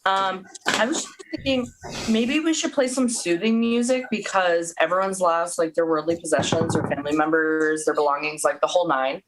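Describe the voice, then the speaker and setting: A woman's voice: lowish voice, normal speed, noisy background. A woman performing in an improvised comedy scene, rambling with lots of fillers.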